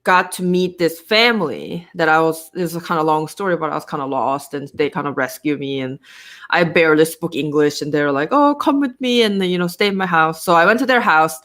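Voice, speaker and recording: Korean-accented woman, relaxed and unhurried. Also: deep voice. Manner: frequent fillers and restarts, relaxed storytelling. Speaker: guest. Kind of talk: casual interview chat.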